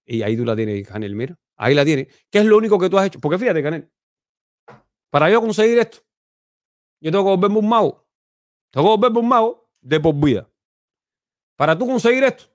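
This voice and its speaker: Animated Cuban man hosting a livestream. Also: a little fast, pauses often, no echo, studio quality. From Cuba. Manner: animated, swings between loud exclaiming and low mutters. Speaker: host. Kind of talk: casual commentary livestream.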